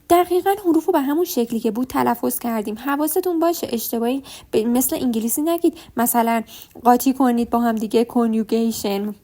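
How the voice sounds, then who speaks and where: Patient woman teaching, soft mellow voice. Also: high-pitched. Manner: patient, explains step by step and repeats sounds slowly. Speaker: German language teacher. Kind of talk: online language lesson.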